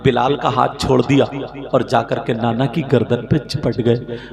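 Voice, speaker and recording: A man preaching an emotional sermon, telling a story tearfully with sudden shouted bursts. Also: mid-range voice, fairly even intonation, moderate pace, vocal fry, long reverb tail. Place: religious gathering. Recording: live crowd audible behind.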